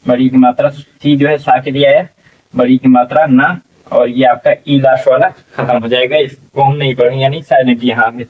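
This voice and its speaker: A man's voice: mid-range voice, flat delivery, moderate pace, far from the mic. A man teaching English reading in Hindi, spelling words letter by letter and repeating them as he asks the class what they become. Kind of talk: slow spelling lesson. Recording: tinny phone-like sound from off mic.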